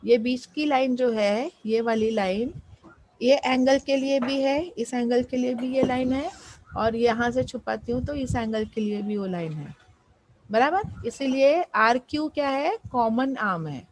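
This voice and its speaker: A woman's voice: fairly high pitch, unhurried, a little mellow, low-quality recording. A woman math teacher explaining a lesson, patiently repeating questions and prompting students to answer.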